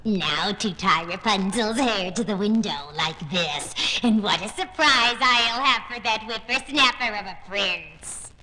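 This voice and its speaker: An actress playing a wicked old witch on a vintage children's story record, shrill and scolding. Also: unhurried, sharp tone. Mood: menacing. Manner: shrill, cackling threats. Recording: long hall reverb on vintage record.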